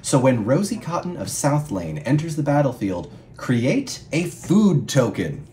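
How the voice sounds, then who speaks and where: A man in a casual chat, calmly walking a co-player through card game rules with playful asides. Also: medium pitch, a little slow. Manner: clear, patient rule explanations with playful asides. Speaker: guest co-player explaining the rules. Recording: echoey room with faint background hum.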